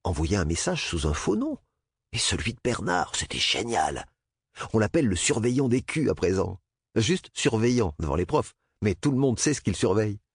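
A man's voice: fairly low pitch, sing-song, moderate pace, husky, no echo, studio quality, exaggerated voice. A man voicing an eager, curious young boy recruit in an audiobook reading.

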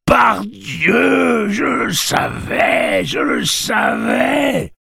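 A man voicing a very old, excitable man with a thick rustic accent who scolds and shouts. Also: very high voice, extremely slow, gravelly, breathy edge, dry recording, clean studio sound, voice pushed up, full character voice. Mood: shouting excited. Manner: loud, shouting, trembling with excitement.

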